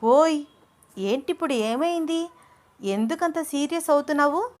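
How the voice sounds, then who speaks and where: A woman's voice: high-pitched, animated, unhurried, a little mellow, voice pushed up. A woman voicing an earnest young man, a tutor in love, in a read-aloud audio story, pleading and insistent. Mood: exasperated.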